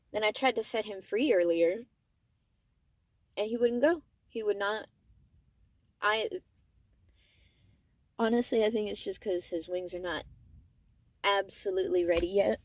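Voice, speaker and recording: A young adult woman vlogger telling a personal story in a casual, rambling, fond way, with animated emphasis and trailing asides. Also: mid-range voice, measured pace, creaky, long pauses, dry recording.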